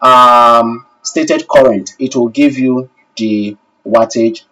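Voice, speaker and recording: A man teaching a live online technical class answers questions with polite formality, repeating phrases for emphasis and calling each learner sir. He takes it slowly in a medium-pitched, sharp-toned voice, far from the mic on a rough recording.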